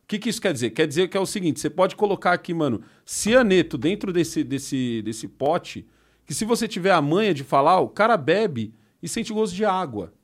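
A man's voice: a little high, sing-song, fairly quick. A man on a podcast, lecturing emphatically in slangy casual talk, often repeating words as he argues. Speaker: podcast guest. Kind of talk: heated casual debate. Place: podcast studio.

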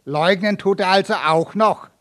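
A man's voice: high voice, measured pace, voice pushed up. A man reading aloud and voicing a stern, scornful village judge who questions harshly and threatens. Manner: cold, threatening, mocking.

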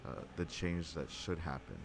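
A man's voice: very deep voice, normal speed. A young man, a podcast guest, chatting casually in a reflective, slangy way. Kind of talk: casual chat. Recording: clearly noisy background.

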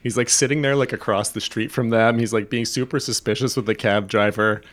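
Man, casual book talk, amused, quick asides. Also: on the low side, fairly even intonation, fairly bright tone.

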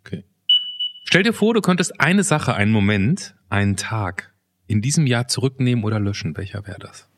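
A man's voice: mid-range voice, expressive, moderate pace. A man hosting a podcast, asking questions in a playful, teasing way. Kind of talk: casual podcast interview.

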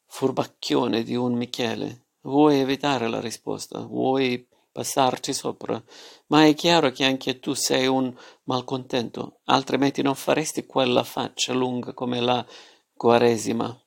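A smug, falsely good-natured middle-aged gentleman, as an audiobook reader puts him on, hearty and boastful at the dinner table. His voice is heavily gravelly with a level, unvaried melody, and he teases everyone around him. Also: mid-range voice, steady tone, a little slow. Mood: jovial.

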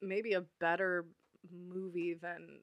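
A woman's voice: lowish voice, level tone, slow, dry recording, muffled recording. A young woman co-hosting a podcast in casual chat. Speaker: podcast co-host.

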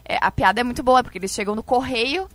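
Fast-talking woman co-host. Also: fairly high pitch, no echo, soft background music. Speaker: radio show co-host. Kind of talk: casual chat.

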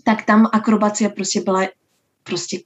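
A woman who teaches dance, answering interview questions in a slow, thoughtful way with many filler sounds. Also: medium pitch, flat delivery. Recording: dull lo-fi sound.

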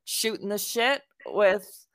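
A woman co-hosting a podcast, chatting in a relaxed, plainspoken way. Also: medium pitch, slow, over a noisy crowd. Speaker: podcast co-host. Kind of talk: casual chat.

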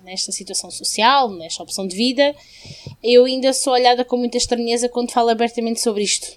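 A woman with a fairly high voice and a European Portuguese accent. She speaks conversationally as a podcast host, sharing her views in a casual discussion. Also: steady tone, fast.

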